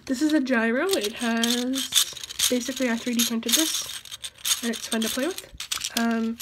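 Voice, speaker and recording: A woman's voice: a little high, normal speed, heavy background noise. A teenage girl vlogging casually, chatty and giggly, rambling as she shows off her things. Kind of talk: casual show-and-tell.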